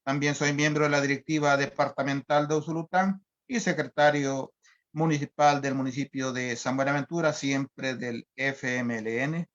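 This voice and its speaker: A man from El Salvador, a guest on an online interview, speaking in a measured way with frequent fillers. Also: medium pitch, steady tone, fairly bright tone. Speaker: guest, environmental organizer. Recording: dull lo-fi audio.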